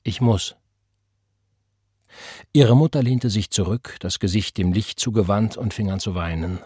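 A man reading a novel aloud in a measured, calm narration. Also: fairly low pitch, husky, no room sound, clean studio sound. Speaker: audiobook narrator. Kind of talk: scripted narration.

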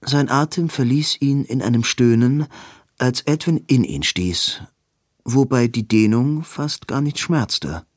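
A man reading a novel aloud as an audiobook narrator, in a slow, even reading. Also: mid-range voice, no room sound, studio quality. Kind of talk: scripted narration.

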